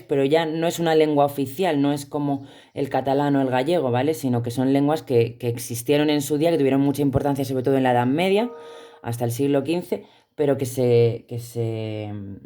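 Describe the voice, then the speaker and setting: A woman's voice: a bass voice, warm tone. A woman teaching a class with a Spanish accent from Spain, explaining step by step and checking in with her students. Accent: Spanish from Spain, not Andalusian. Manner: explanatory, checks in with frequent "¿vale?". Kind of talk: recorded remote class lesson.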